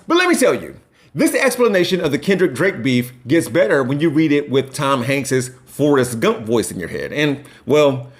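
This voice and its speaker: A man from Ohio hosting scripted commentary, wry and sarcastic in delivery. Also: on the high side. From Columbus, Ohio. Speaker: commentary host.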